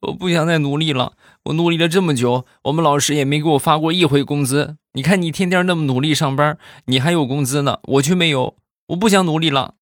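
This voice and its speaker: A man's voice: a little high, fast, few pauses, no echo, studio quality, voice pushed up, lightly acted. A man voicing a young daughter who complains in a tearful, whining way. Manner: whiny, tearful-sounding complaint. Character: young girl complaining about unpaid schoolwork.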